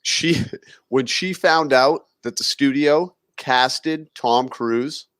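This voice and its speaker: A man co-hosting a casual podcast chat in a relaxed way, often calling his co-host dude. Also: mid-range voice, takes it slowly, smooth, no room sound, clean studio sound. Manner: relaxed, says dude a lot.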